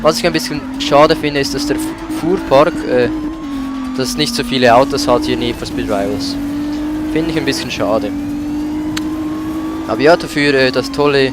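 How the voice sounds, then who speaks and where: A let's play gamer offers casual commentary while playing a video game, his medium-pitched voice moving at a moderate pace with frequent pauses. His voice-over mic sits over game audio full of racing car sounds and music, and the clip is very noisy.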